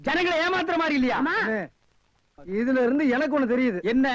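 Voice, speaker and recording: Cheeky beggar, comic, high-pitched, rapid, dry. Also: male voice, animated, a bit bright, no room sound, highs cut off. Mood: bantering. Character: cheeky street-smart comic beggar man. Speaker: comic actor in a film scene.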